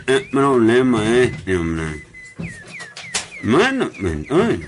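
A man's voice: medium pitch, background noise, voice pushed down. A man voicing a hot-tempered male ox-cart driver who has a nasal speech impediment and swears constantly.

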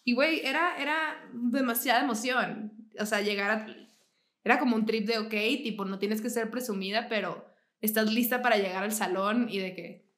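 A young woman with a Mexican accent tells animated stories in a casual podcast chat, swearing freely and slipping into English. Her voice sits a little high and bounces around an echoey room. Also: normal speed. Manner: slangy, swears a lot, mixes in English, animated storytelling. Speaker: podcast co-host.

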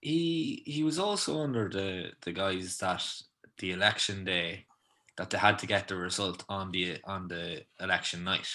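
A man with a low voice and a bright, clear tone joins a casual chat. He speaks hesitantly, pausing and restarting as he goes. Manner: halting, hesitant.

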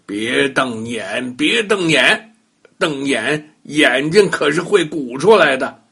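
A man's voice: medium pitch, animated, slow pace, gravelly, sharp tone, breathy edge, full character voice. An older man voicing a giant living tumbler toy that teases and scolds a boy with a chuckle. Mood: teasing. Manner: chuckling, mocking. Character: giant laughing tumbler toy, teasing and wise.

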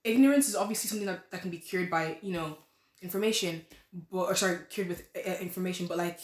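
A woman's voice: on the low side, fast. An eighteen-year-old woman, a nursing student, speaking as a podcast guest in a rambling, casual way with many restarts. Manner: rambling, restarts, soft laughs. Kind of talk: casual interview chat. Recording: roomy echo.

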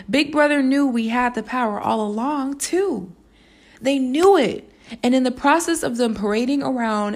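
A woman's voice: medium pitch, gravelly. A woman hosting her own podcast, talking through her thoughts in a musing, spiritual and playful way. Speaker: podcast host. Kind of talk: reflective solo podcast monologue.

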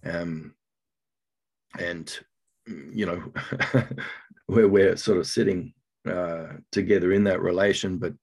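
An Australian man with a very deep voice and a husky grain hosts a casual conversation. He is laid-back and lets his thoughts ramble loosely from one to the next. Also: fairly even intonation, slow pace, long pauses, darkish tone. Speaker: podcast host. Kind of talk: casual chat.

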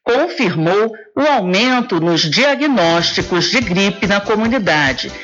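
A woman's voice: medium pitch, expressive, takes it slowly, fairly bright tone, soft background music. Brazilian woman reading scripted news, muffled. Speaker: news reporter.

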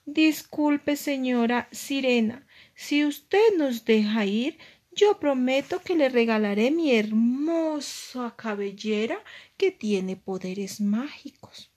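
A woman's voice: expressive, takes it slowly, a little mellow, exaggerated voice. A woman voicing a brave, polite young mermaid girl in a storybook tale, speaking up in a raised voice. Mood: polite pleading. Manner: polite, pleading, raised pitch.

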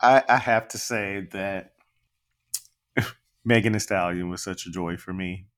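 A man co-hosting a podcast in a casual chat, relaxed, recapping scenes with quoted lines and laughs. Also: low-pitched, measured pace. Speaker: podcast co-host.

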